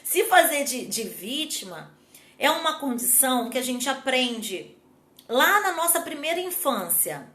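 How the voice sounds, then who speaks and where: High-voiced chatty woman therapist. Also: bright, forceful tone, reverberant. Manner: chatty, addresses audience as gente, acts out quotes. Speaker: therapist giving a talk. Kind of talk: casual teaching talk.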